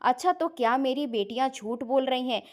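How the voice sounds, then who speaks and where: A woman voicing an angry middle-aged mother who shouts and scolds her son in a family story. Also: high-pitched, normal speed, natural voice. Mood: angry scolding.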